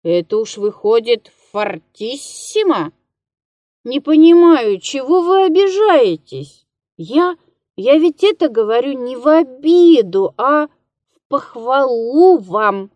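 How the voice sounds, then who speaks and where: A woman's voice: high voice, sing-song, slow, a little mellow, no room sound, full character voice. Woman voicing a drunk mocking male musician. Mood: wheedling. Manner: slurred, mocking, wheedling.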